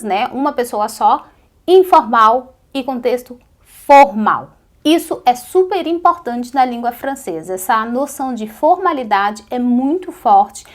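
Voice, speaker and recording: Woman, Brazilian Portuguese accent, French teacher, high-pitched, slow drilled repetition, direct viewer check-ins. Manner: repeats French words slowly for the viewer to copy; addresses viewers directly with frequent "tá?" and "né?". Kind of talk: online language lesson.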